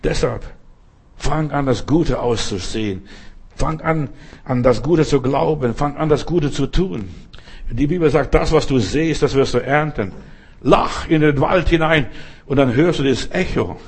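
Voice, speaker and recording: A man preaching a sermon in a lively, folksy way, often asking his listeners if they follow. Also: medium pitch, unhurried, husky. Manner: lively, folksy, asks "verstehst du?".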